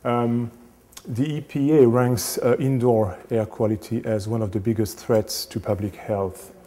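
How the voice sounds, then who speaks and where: A man in his thirties, a renovation specialist, giving a casual lecture to camera on a lapel mic, halting with many fillers and restarts. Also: mid-range voice, steady tone, mellow. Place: small indoor studio set.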